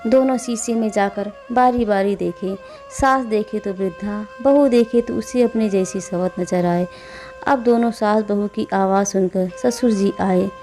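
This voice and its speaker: A woman hosting a devotional channel, narrating a folk tale in a gentle, steady storytelling manner. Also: medium pitch, a little slow, soft background music.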